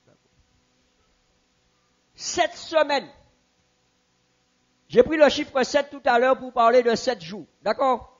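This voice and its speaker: A man teaching a Bible class in a church, asking the audience questions and repeating answers slowly. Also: very high voice, lo-fi sound.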